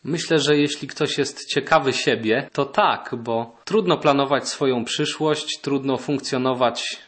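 A man's voice: medium pitch, unhurried, fairly bright tone. A man, an actor and guest, reading a historical text and then talking thoughtfully with some hesitations. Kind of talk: reading then interview talk.

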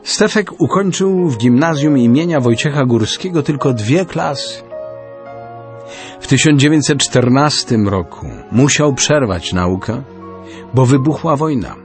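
A man narrating a storybook in an expressive reading style. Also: mid-range voice, unhurried, soft background music.

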